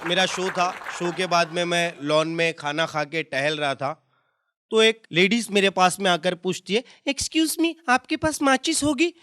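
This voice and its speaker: Male stand-up comedian, high bright voice, acts out voices in his bits. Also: measured pace. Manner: switches into voices of the people in his jokes.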